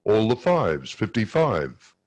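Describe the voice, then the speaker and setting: A man's voice: on the low side, wildly swooping pitch, slow, no room sound. A man working as a bingo caller, announcing numbers in short, repetitive set phrases, digit by digit and then in full.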